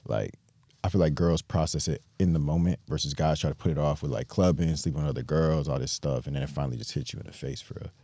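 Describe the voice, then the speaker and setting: Casting: low, warm-toned American host, easygoing and slangy. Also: male voice, fairly even intonation, quick pace, no echo. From United States. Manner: laid-back, slangy, many fillers. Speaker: podcast host. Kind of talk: casual chat.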